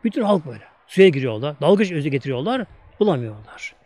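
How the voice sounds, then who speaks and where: High-pitched emphatic Turkish preacher. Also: male voice, very animated, fast talker, a little mellow. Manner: emphatic, repetitive storytelling. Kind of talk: storytelling religious talk.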